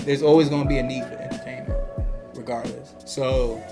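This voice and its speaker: A young man from New York co-hosting a podcast, speaking in a relaxed, motivational way and saying "you know" often. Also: mid-range voice, brisk, over music. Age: young adult. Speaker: podcast co-host. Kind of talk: casual podcast chat.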